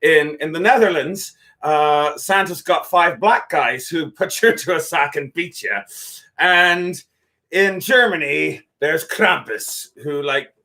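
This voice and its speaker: Joking and rambling on a drinking livestream he co-hosts, a musician in his thirties keeps drifting off into mumbles amid the casual drunken banter. He speaks slowly in a slightly high voice that sounds pushed and bright.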